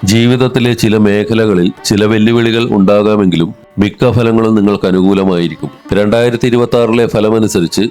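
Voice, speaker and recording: A man with a low voice narrates a horoscope from a script. His reading is even and formal, and soft music plays under it. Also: normal speed, few pauses. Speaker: astrology narrator. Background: soft instrumental music.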